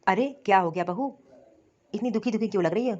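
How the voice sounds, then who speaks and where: A woman's voice: mid-range voice, quick pace, a little mellow, dry recording, lightly acted. A woman voicing a stern but caring elderly father-in-law in a cartoon story, scolding and commanding. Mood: concerned. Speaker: cartoon voice actor. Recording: dull lo-fi dry recording.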